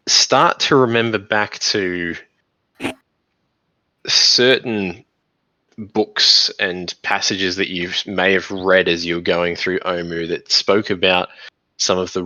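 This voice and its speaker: A man narrating a tabletop game as game master, pausing and searching for words as he describes the scene. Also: deep voice, fairly even intonation, sharp tone, no echo. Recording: dull lo-fi recording.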